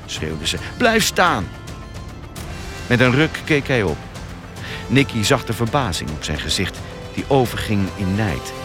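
Man, audiobook thriller narration, expressive lively pitch, faint music underneath. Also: normal speed.

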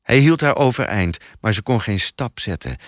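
Low, expressive male audiobook narrator. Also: normal speed, no echo, clean studio sound. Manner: expressive storytelling.

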